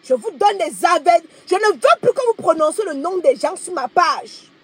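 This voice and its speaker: A young adult woman, talking on a livestream in an emphatic, declaiming way that swings between soft and loud. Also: very high-pitched, lively intonation, normal speed. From Cameroon. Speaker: live streamer. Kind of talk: livestream monologue.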